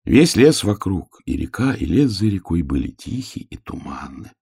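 Low, gravelly male storyteller. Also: big pitch swings, normal speed, mellow. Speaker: narrator. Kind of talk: scripted storybook narration.

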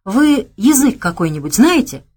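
A woman's voice: normal speed, husky. A woman voicing a chatty, curious young woman vendor, raising her voice and speaking with animation. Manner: animated, teasing, raised pitch.

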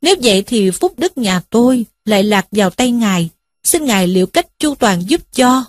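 A woman's voice: fairly high pitch, animated, moderate pace, dry recording, studio quality. A woman voicing a burly young man caught as a thief, pleading in a raised, wailing voice. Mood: earnest.

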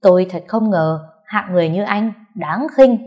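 A woman voicing a fiery, foul-mouthed young woman who shouts insults in sharp, combative bursts. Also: medium pitch, expressive, normal speed, lo-fi sound, natural voice. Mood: furious.

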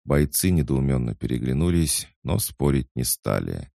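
A man narrating an audiobook in a steady, scripted reading. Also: rumbling low, normal speed, vocal fry, no echo, studio quality.

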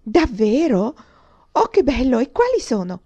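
An innocent, excitable young woman, voiced by a woman reader in a dramatized audiobook, bursting with eager, breathless exclamations. Her tone is dark and mellow. The reading is calm and steady. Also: a little high, a little slow, dry recording, muffled recording, pitched above the performer's own voice.

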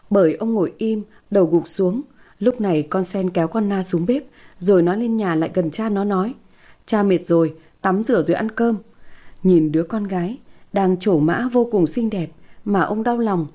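A woman storyteller reading a sad village tale in a steady, plaintive way. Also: mid-range voice, moderate pace. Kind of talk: scripted narration of a folk tale.

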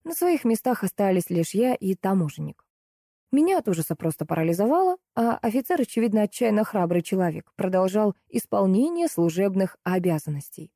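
A woman narrating a comic story in first person with a lively, expressive read. Her voice is mellow and warm at a middle pitch. The recording is dry and close. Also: brisk, no echo. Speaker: audiobook narrator.

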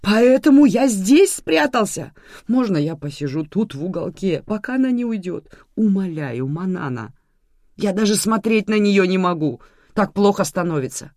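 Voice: medium pitch, big pitch swings, normal speed, darkish tone, dry recording, clean studio sound, pitched above the performer's own voice. A reader voicing a melodramatic older man who pleads and complains in an audiobook. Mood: pleading. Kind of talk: audiobook character voice.

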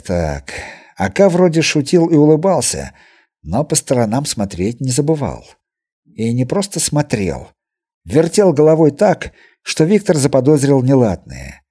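A man narrating an adventure audiobook with expressive storytelling. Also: mid-range voice, breathy edge. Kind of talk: scripted narration.

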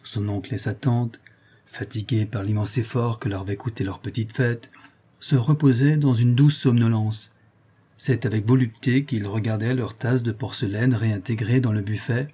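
Guy reading a novel aloud, steady and measured, mellow husky voice. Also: medium pitch. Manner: measured, even literary reading. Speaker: audiobook narrator. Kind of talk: audiobook narration of a novel.

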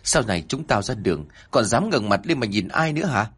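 A man voicing a furious, violent middle-aged father who shouts harsh threats in a husky voice. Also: fairly low pitch, sing-song, fast talker, exaggerated voice.

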